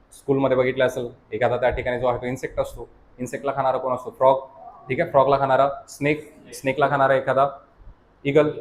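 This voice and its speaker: Marathi-accented male lecturer, mid-pitched, coaching-class style, quizzes the room, light room hiss. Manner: constantly checks understanding with quick questions to the class; mixes English terms into Marathi teaching. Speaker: science teacher at a coaching academy.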